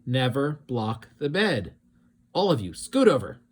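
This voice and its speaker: A man's voice: mid-range voice, sing-song, a little slow, husky, pitched above the performer's own voice. A man voicing a strict, fussy monster teacher from a children's storybook, scolding and instructing with emphasis. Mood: bossy, instructive. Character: strict, fussy male monster teacher, long-necked and yellow.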